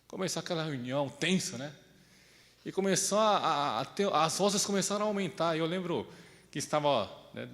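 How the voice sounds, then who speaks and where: Young male pastor, lively swinging pitch, slightly high voice, conversational preaching, long hall echo. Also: normal speed. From Brazil. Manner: conversational preaching, often asks "né?" and acts out quoted voices. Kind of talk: sermon with personal story.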